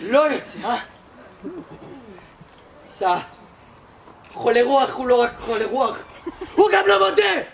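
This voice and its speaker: A woman's voice: a little high, very animated, vocal fry, pauses often. A young woman in an amateur school stage play, acting a strict, mocking squad commander who bullies recruits. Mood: barking, mocking. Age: teen or young adult. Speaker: student actor. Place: school theatre hall. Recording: live stage, audience noise.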